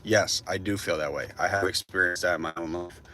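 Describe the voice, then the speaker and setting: A low, brisk male voice comes from a livestreamer in his twenties who rambles animatedly in casual chat as he drives through a city, saying "bro" frequently. There's a little hiss or hum.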